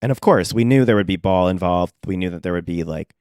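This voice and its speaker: A man's voice: low-pitched, quick pace, darkish tone, clean tone, no room sound, studio quality. A man co-hosting a casual pop culture podcast in a sassy, campy, gushing manner peppered with queer slang. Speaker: podcast co-host.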